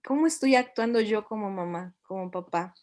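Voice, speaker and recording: A middle-aged woman speaks to parents in a reflective, questioning way. Her voice sits at a middle pitch for a woman. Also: normal speed, darkish tone. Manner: reflective, poses many questions. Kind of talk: online talk to parents.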